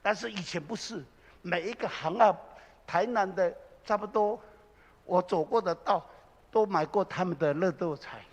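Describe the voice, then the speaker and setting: A man preaching a sermon as a pastor, impassioned, swinging between loud exclamations and low confiding asides. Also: normal speed, breathy edge. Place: church sanctuary. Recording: reverberant church hall.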